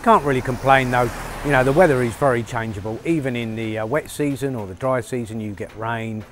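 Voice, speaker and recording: Casting: middle-aged bloke, lapel mic, upbeat farm vlogger, faint outdoor ambience. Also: male voice, mid-range voice, fairly quick, a little hiss or hum. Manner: chatty, upbeat, many fillers. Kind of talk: casual vlog narration to camera. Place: outdoors on a rural farm, rainy.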